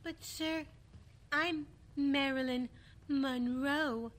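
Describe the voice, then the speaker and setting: A woman's voice: high-pitched, fairly even intonation, very slow. A woman playing a naive, brassy would-be blonde bombshell in an old-time radio comedy. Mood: coy, hopeful.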